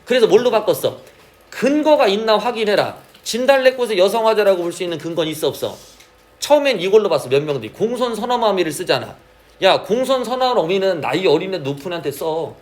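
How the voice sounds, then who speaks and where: Lively high-voiced male teacher. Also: quick pace. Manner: asks frequent check questions, drawls key terms. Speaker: Korean literature teacher. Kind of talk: classroom lecture.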